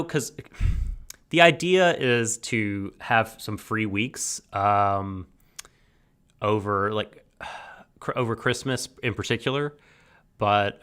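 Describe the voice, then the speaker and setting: A man co-hosting a casual podcast chat, chatty and quick to laugh. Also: on the low side, sharp tone, smooth. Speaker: podcast co-host.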